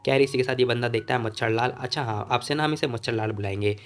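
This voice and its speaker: Fast-talking casual recap narrator man. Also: medium pitch, fairly even intonation, soft background music. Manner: chatty, informal, addresses listener as bro. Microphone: voice-over.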